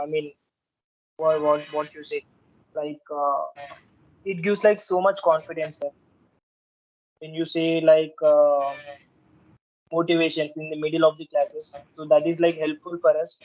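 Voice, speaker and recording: A man's voice: on the high side, darkish tone. A male student with a Telugu Indian accent giving hesitant, deferential feedback and saying sir very often. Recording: muffled online call.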